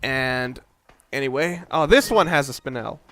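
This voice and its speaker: With a medium-pitched, slightly bright voice at normal speed, a young man rambles casually as he plays a video game, often breaking off mid-thought. He's a let's play host, and game audio plus faint background noise run underneath.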